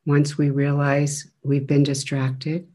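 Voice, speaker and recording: A man leading a guided breath meditation as a teacher, speaking gently in measured phrases with long pauses between them. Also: on the high side, monotone.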